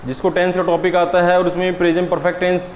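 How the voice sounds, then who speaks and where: In an exam-prep class, a man who teaches English speaks with a high voice and little pitch movement. He asks his students questions, then supplies the answers, giving English words slow, deliberate emphasis. The recording carries long classroom reverb and a faint noise beneath it.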